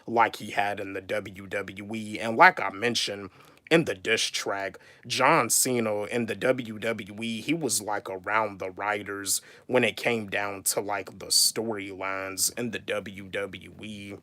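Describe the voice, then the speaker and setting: A man's voice: fairly low pitch, fairly even intonation, measured pace, pushed and bright, dry recording. A man in his twenties, a YouTuber and rapper, chatting casually on a livestream, repeating his points and answering viewers by name. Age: 20s. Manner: repetitive, restates each point, calls out viewers by name.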